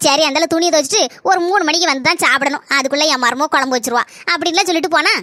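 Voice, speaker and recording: Gossiping cartoon granny, voiced by a woman, Kanyakumari Tamil accent, very high and quick. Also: sharp tone, dry recording. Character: chatty, gossiping village grandmother.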